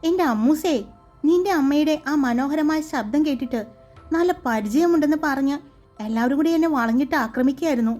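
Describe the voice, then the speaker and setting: A woman voicing a lively, chatty young woman who talks in an animated, teasing way. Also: high-pitched, fairly quick, soft background music, lightly acted.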